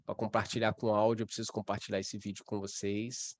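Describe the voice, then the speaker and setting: A man's voice: fairly low pitch, flat delivery, fast talker. A young adult man with a Brazilian Portuguese accent, leading an online class over a video call, talking casually and acting out what parents and coaches say. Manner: conversational, acts out parent and child lines. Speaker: coaching course instructor. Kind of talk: online class mentoring session.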